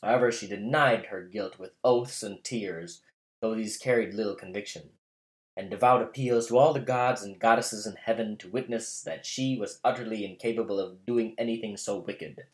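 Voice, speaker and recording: A man narrating a classical tale in a measured, literary reading style. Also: lowish voice. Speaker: storyteller. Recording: roomy echo.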